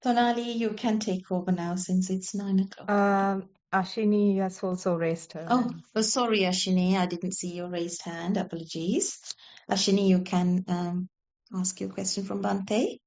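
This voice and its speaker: A woman's voice: mid-range voice, steady tone, moderate pace, a little mellow. A woman moderating an online question session, polite and apologetic toward participants. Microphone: video call. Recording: muffled online call audio.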